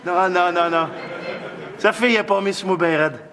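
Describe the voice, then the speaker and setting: A man's voice: sits high, brisk, a bit bright. An actor playing Rich, a smug con man with a Québécois accent who sneers at everyone. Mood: sneering. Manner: sneering, scornful.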